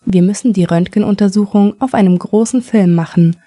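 A businesslike male radiologist, read by a woman who gives instructions in a matter-of-fact way. The voice is mellow and dry. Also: medium pitch, brisk, dry recording, lightly acted.

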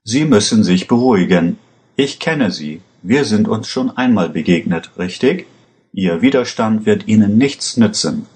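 A man reading a calm, menacing corrupt cop. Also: lowish voice, a little slow, slight background noise. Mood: calmly threatening. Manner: calm, steady, commanding. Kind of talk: read-aloud story voice.

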